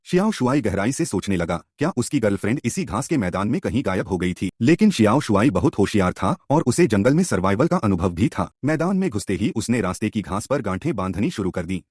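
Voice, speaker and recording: A man with a fairly low voice tells a film's story in scripted narration, his pitch rising and falling with a lively, dramatic sweep. He keeps a suspenseful storyteller's tone. The recording is dry and close, with no room sound. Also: slightly rough, no echo. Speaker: film recap narrator.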